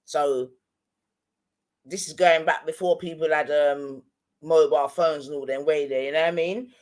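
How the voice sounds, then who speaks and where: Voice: mid-range voice, fairly even intonation, moderate pace, a little mellow. Casting: middle-aged Londoner, roadman slang and accent, casual anecdote-teller who keeps checking the listener follows. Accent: London, street slang. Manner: London roadman way of talking, slangy, frequent tag questions. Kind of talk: casual storytelling chat.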